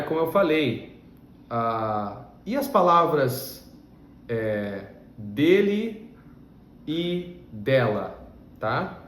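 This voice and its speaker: Man, from Russia, native Russian speaker, language teacher, patient step-by-step explaining, slow, roomy echo. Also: medium pitch. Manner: patient, step-by-step explaining with frequent check-in questions. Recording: roomy echo with faint background hum.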